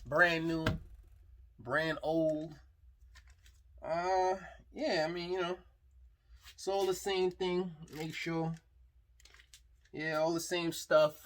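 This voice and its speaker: A man with a slightly higher-than-average voice walks through his engine project in a loose, rambling way. He talks casually to viewers in a garage vlog, full of fillers and restarts. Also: steady tone, slow, pauses often, a bit bright, slight background noise. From New York. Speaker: hobby mechanic vlogger.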